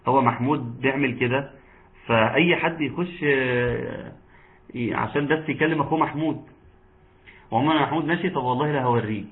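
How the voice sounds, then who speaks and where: Egyptian guy teaching quran recitation online, patient, mid pitch, sounds like a phone call. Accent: Egyptian Arabic. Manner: explains patiently, then chants verses slowly. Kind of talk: online tajweed lesson. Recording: tinny phone-like line.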